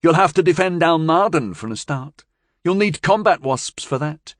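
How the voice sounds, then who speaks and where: A woman's voice: deep voice, expressive, moderate pace, dry recording, clean studio sound, voice pushed up. A male narrator voicing a blunt, slangy young woman aboard a starship.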